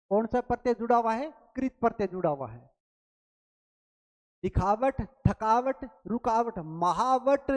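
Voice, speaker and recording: Woman teacher, higher voice, reverberant room. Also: a little mellow. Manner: asks questions then answers them herself; repeats key words slowly to drill them. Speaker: Hindi grammar teacher. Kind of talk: quiz lesson explanation. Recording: long reverb, roomy sound.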